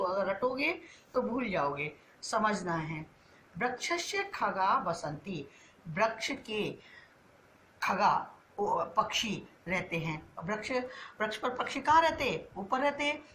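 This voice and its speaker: A woman teaching a school class, her voice bright and clear. She poses a question and answers it herself, slowly drawing out each key word. A faint hiss sits under the recording. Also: medium pitch. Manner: asks questions and answers them herself, drawn-out words. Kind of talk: online class lesson.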